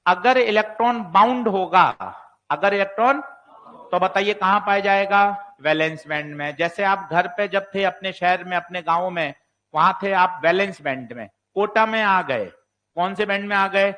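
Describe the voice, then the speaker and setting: This physics teacher sits high in pitch, speaking at a moderate pace with a bright, forceful tone. During his exam-prep lecture he throws out questions and supplies the answers, occasionally playing a student who raises doubts.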